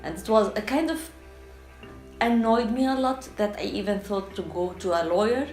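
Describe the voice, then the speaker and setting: This documentary interviewee, a Syrian freelance translator, talks candidly and casually with an Arabic accent, often hesitating as she looks for words in her second language. Her mid-range voice, slightly mellow and at normal speed, sounds echoey, with soft music playing behind.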